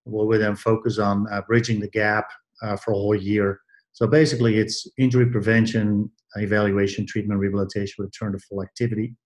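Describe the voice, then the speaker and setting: A man in his sixties from Belgium speaks with a somewhat low voice. He answers questions in a measured way, pausing with fillers and restarting phrases as he recalls his career. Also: level tone. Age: 60s. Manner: measured, many hesitations and restarts. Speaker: guest, athletic trainer. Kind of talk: interview answers.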